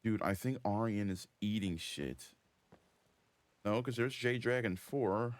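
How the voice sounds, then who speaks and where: A man streaming a video game, talking casually in a profane, excitable, exasperated way. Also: lowish voice, slow pace, no room sound. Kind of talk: casual gaming commentary.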